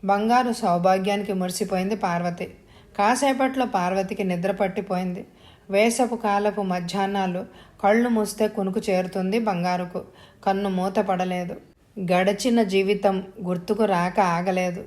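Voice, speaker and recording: A woman storyteller reading an audio story in a steady, even narration. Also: medium pitch.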